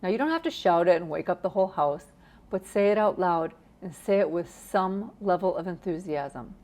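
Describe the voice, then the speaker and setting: A woman's voice: lowish voice, animated, moderate pace, darkish tone. A middle-aged woman giving a casual, encouraging motivational talk to camera, acting out the phrases she quotes with gusto. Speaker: personal finance vlogger.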